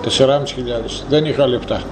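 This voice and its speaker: A man's voice: medium pitch, fairly even intonation. An older man from northern Greece, a former coal miner, telling his life story in a rambling, vivid way and acting out old conversations. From Thrace, northern Greece. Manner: rambling, vivid, acts out dialogue. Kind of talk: storytelling interview. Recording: noisy background.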